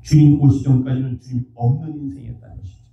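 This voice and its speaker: A man preaching a sermon, emphatic, at times rising to a shout. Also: mid-range voice, fairly even intonation, very fast, creaky, slight background noise. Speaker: pastor. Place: church sanctuary. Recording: dull, echoey church sound from far off.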